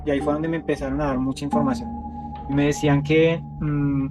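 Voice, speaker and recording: Man, interview guest, slightly high voice, halting telling with lots of "eh" and restarts, music bed underneath. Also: little pitch movement. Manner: hesitant, with many fillers and repeated words. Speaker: interview guest sharing a testimony. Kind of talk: casual first-person storytelling. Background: music playing under the voice.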